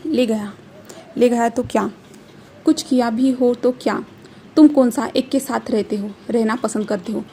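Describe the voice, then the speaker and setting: A woman's voice: fairly high pitch, fairly even intonation, unhurried, mellow, slight background noise. A woman reading the part of a scheming, domineering father who scolds his son, in a fan story. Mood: scolding. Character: scheming domineering older father, a clan leader.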